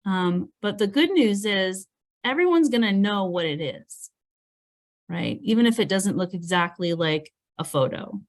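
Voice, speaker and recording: A woman's voice: medium pitch, lively intonation, measured pace. A woman leading a live virtual painting class, chatting and thinking aloud as she paints, often laughing at herself. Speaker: painting instructor. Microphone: video call.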